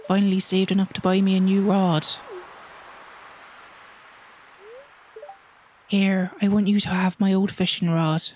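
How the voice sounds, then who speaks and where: A woman's voice: mid-range voice, flat delivery, brisk, darkish tone, a little hiss or hum, close to an everyday voice. Woman doing Willy, a growly old sea-dog fisherman. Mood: hearty.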